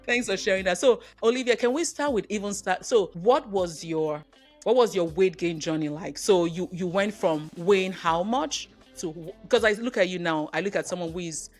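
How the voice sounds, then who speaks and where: A woman from Africa hosting a podcast interview, welcoming her guest with enthusiasm and lively emphasis. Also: lowish voice, normal speed, faint music behind. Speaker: podcast host.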